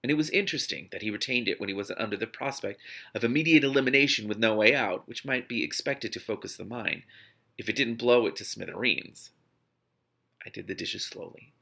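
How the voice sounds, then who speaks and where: Brisk and forceful, with a bright, creaky medium-pitched tone, the host of an online read-aloud series performs a novel aloud with expression. He keeps interrupting himself with amused, exasperated off-the-cuff remarks.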